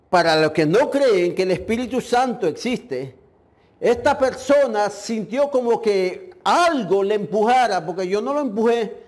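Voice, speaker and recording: A man's voice: high voice, a little mellow. Pastor guy preaching, tells his story all earnest and emotional. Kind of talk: sermon with personal testimony. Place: church in Puerto Rico.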